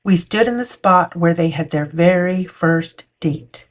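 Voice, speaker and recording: Reading a children's storybook aloud for storytime, this female host speaks in a lowish voice at a slightly slow pace.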